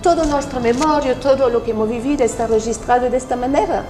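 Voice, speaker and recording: A woman from France speaking Spanish with a French accent, calmly explaining her work as an interview guest, with pauses and restarts. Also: high voice, echoey room, rough recording. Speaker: guest, NLP practitioner. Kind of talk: interview conversation.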